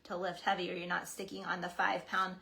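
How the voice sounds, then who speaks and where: A woman's voice: fairly low pitch, monotone, brisk, gravelly, bright, forceful tone, low-quality recording. Woman coach in a casual fitness webinar, friendly, explains things step by step. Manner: explains step by step, friendly, tags points with "right?".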